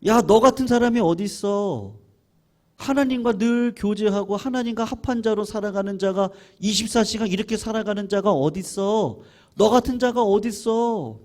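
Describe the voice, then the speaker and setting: A man's voice: high-pitched, moderate pace, a little mellow, pitched above the performer's own voice, lightly acted. A man voicing a sly male devil who taunts and coaxes a holy man toward pride. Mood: taunting. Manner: taunting, coaxing.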